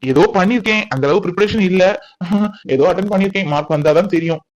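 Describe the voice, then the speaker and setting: A man's voice: high-pitched, fast talker, close to an everyday voice. A man voicing a kind, easygoing young college man in a cartoon, explaining things casually. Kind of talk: cartoon voice acting.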